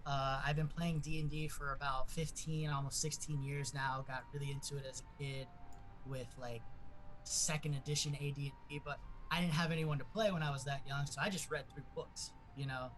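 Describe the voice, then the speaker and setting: A man's voice: a little high, level tone, brisk, a bit bright, slight background noise, rough recording. A man casually introducing himself and his character as a player in a tabletop game. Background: music.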